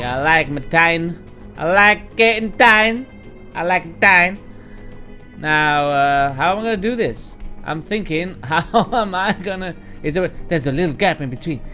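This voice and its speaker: A man in his thirties sits in a room at home giving casual let's-play commentary, his voice high with lively intonation and a sharp edge, delivered without hurry. He puts on a Texas drawl, swears freely, talks straight to viewers, and has bursts of frustration. Game music plays behind him.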